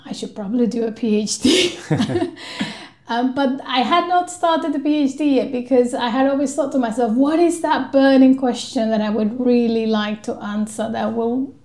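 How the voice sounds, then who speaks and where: A woman from Colombia with Spanish as her first language, speaking as a guest researcher in a podcast interview, measured and thoughtful with frequent pauses. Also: on the high side, a little mellow, echoey room.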